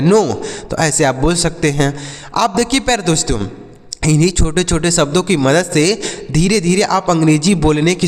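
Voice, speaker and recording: A man teaching an English lesson, spelling out and repeating each word slowly and patiently. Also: on the high side. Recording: long hall reverb.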